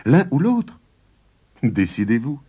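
A man's voice: medium pitch, very animated, slow, mellow, husky, pitched above the performer's own voice, full character voice. A man voicing a clever, practical farmer's wife in a storybook. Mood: shrewd.

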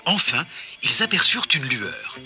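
Bright, lively male storyteller. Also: medium pitch, a little slow, soft background music. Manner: expressive, gently paced narration. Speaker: narrator. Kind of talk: children's storybook reading.

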